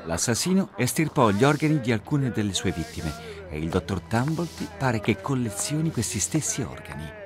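An actor dubbing Sherlock Holmes in a game, a sharp detective who probes in a cool, ironic way. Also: male voice, mid-range voice, big pitch swings, normal speed, hardly any pauses, music in the background, lightly acted. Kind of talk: Italian game dub.

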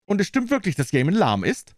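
A man voicing an eager young woman who fires off quick, urgent questions. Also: huge pitch swings, dry recording, clean studio sound. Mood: alarmed. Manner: raised pitch, urgent questions.

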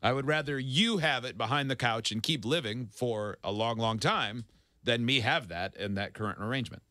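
A man's voice: mid-range voice, moderate pace, bright, forceful tone, no echo, clean studio sound. A man co-hosting a casual morning radio show, telling a story in a wry, chuckling way.

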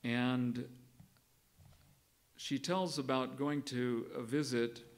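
A man's voice: medium pitch, fairly even intonation, slow pace. Man preaching a story-driven sermon. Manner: conversational storytelling, reading quotes from a book. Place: church sanctuary.

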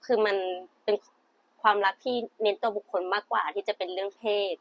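A young woman acting as an earnest friend who explains things at length in relaxed, slangy speech, with a mid-range voice. The recording sounds dull and lo-fi. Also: medium pitch, fairly quick, vocal fry.

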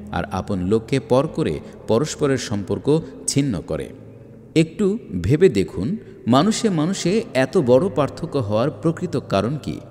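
A man reading a religious book aloud in a measured, emphatic way, with rhetorical questions. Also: medium pitch, darkish tone. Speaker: audiobook reader. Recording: long hall reverb.

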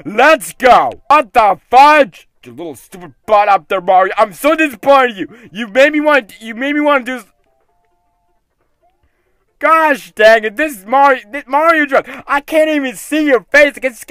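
A man hosting excitable video game commentary, exclaiming and scolding the game character, often tacking "though" onto his sentences. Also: very high-pitched, normal speed, dry recording. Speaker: gaming video host.

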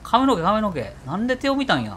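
Kansai man streamer, bright excitable voice, faint hiss. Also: high-pitched, fast. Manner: excitable, jokey, reads game text aloud. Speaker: game streamer. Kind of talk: let's play commentary.

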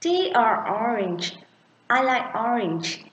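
A young woman teacher with a Vietnamese accent, drilling children slowly and clearly in an online English lesson on webcam. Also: fairly high pitch, very animated, fairly bright tone, reverberant, low-quality recording. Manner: slow, clear, encouraging drilling.

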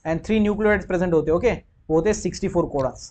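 Indian male tutor with a high voice, quizzes the class and answers himself, mixed Hindi-English. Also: darkish tone, slight background noise. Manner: mixes Hindi and English, quizzes listeners with quick questions then answers. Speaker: biology teacher. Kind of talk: exam question walkthrough.

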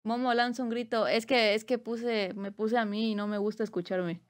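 A woman's voice: fairly high pitch, steady tone, moderate pace. A Mexican woman streaming live, chatting casually and reading chat aloud with playful teasing and bursts of squealing laughter.

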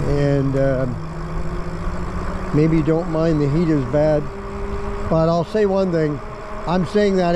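A middle-aged man chatting casually in a vlog as he rides an e-bike down a residential street, musing and relaxed with plenty of fillers. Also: a little high. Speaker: e-bike vlogger. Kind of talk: casual vlog narration while riding. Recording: outdoor street traffic noise.

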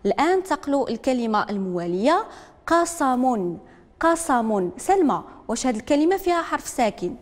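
A woman with a Moroccan accent teaching a literacy lesson, repeating each word slowly and calling on learners one by one. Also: high-pitched, big pitch swings, darkish tone, in a large hall. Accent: Moroccan Arabic. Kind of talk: broadcast classroom lesson.

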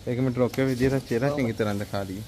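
A young man with a Punjabi accent hosting a casual livestock sale video in a farm cattle shed, asking brisk questions. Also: mid-range voice, a little mellow, slight background noise.

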